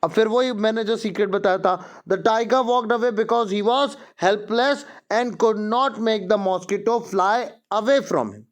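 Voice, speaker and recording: A man with an Indian accent and a high-pitched voice runs a children's English lesson. He speaks slowly and deliberately, drilling each word before explaining it in Hindi. His tone is that of a coaching tutor addressing his students. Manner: promotional asides to paying students. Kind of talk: teaching a class-one English lesson in Hindi and English.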